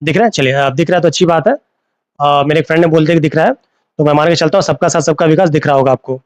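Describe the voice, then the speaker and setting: A man's voice: on the high side, fast talker, no room sound. Man teaching a live online class. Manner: repeats key terms as questions to students, mixes Hindi and English. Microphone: phone.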